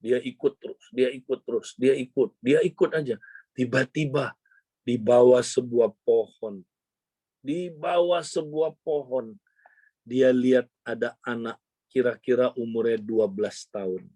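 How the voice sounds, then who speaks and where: A male pastor telling a story in a sermon, his voice leaping up on exclamations and dropping low when he turns to the congregation. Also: steady tone, normal speed, mellow, no room sound. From Indonesia.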